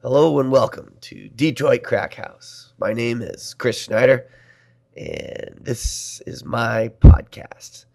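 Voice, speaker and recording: A man's voice: mid-range voice, slow pace, creaky, a little mellow. A man from Nebraska hosting his own podcast in a wry, self-deprecating monologue, his voice strained while he recovers from being poisoned. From Nebraska, USA. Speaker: podcast host.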